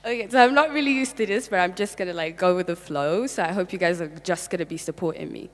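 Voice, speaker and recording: A woman's voice: fairly low pitch, fast. A woman guest in a casual interview, chatting playfully with the audience. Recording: long hall reverb, faint music.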